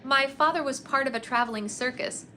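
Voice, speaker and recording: A shy young woman, modest and a little hesitant, speaking carefully, as a woman reader voices her in a storybook reading. Her tone is bright and clear. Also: high-pitched, a little fast, a little hiss or hum, pitched above the performer's own voice.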